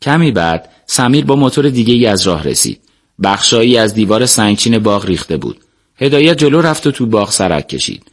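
Low-voiced man narrating a book. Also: sing-song. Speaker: audiobook narrator.

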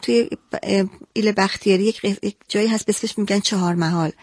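A woman being interviewed as a guest, answering in an animated, expressive way. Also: mid-range voice, no echo. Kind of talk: casual interview.

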